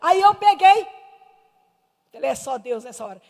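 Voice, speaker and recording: A Brazilian woman missionary giving a Sunday school sermon with a personal testimony, telling it with fervent emphasis that swings between hushed and loud. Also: very high-pitched, lively intonation, moderate pace, big-room sound. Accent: Brazilian Portuguese. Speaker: missionary preacher. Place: church hall.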